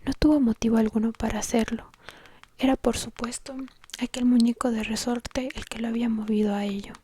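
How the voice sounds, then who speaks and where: A woman reads a story aloud as whispered ASMR, in a soft, breathy whisper very close to the ear, slow and gentle. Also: a little high, fairly even intonation, slight background noise. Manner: slow, gentle, hushed reading. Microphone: very close to the mic, whispering into the ear.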